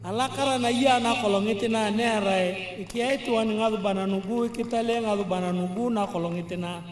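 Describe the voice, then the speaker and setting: A man interpreting a speech live at a rally, in a measured, sometimes sing-song delivery. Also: high-pitched, steady tone. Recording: distant echoey PA with long reverb.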